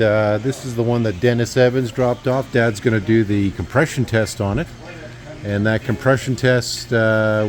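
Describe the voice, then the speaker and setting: A man giving a casual walkthrough of a repair shop, rambling with lots of uhs and restarts. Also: mid-range voice. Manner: rambling, filler-heavy, with restarts. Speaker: vlogger giving a shop update.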